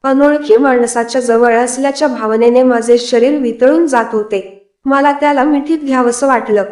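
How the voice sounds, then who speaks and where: A woman narrating a first-person story in a steady, confiding way. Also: high-pitched, normal speed. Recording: echoey room.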